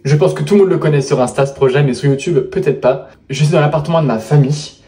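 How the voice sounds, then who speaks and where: Quick and warm, his voice a little high, a renovation vlogger narrates a walkthrough of his apartment project to camera. There's a slight hiss or hum in the audio as he casually explains along the way.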